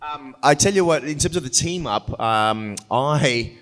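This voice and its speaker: A man's voice: mid-range voice, expressive, measured pace, fairly bright tone. A man hosting a convention panel off the cuff, jokey and rambling, recorded in an echoey hall. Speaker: panel host and fellow actor. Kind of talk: unscripted convention panel moderating. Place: large indoor convention panel room. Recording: echoey hall, faint noise.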